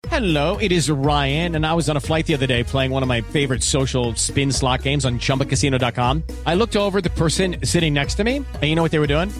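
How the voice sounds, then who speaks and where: A man's voice: a little high, fast talker, few pauses, soft background music. A man reading a scripted ad in an upbeat, playful way. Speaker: ad announcer. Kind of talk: scripted radio ad.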